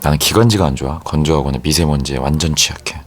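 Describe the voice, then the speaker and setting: Cool exec boyfriend in a romance audio drama, super deep voice, terse, wry, kinda possessive. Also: male voice, quick pace. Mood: softly teasing. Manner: terse, understated, teasing. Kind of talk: romance audio drama acting with inner monologue.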